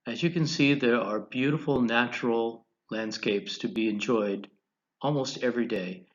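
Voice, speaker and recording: In a deliberate, phrase-by-phrase lecture over slides, an American man from Colorado teaches an online class. His voice is mid-range, and the highs are cut off.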